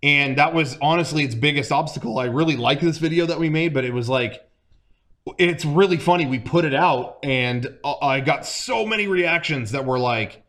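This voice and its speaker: A man's voice: on the high side, normal speed, fairly bright tone. A man in casual podcast chat, easygoing and a little hesitant. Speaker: podcast co-host.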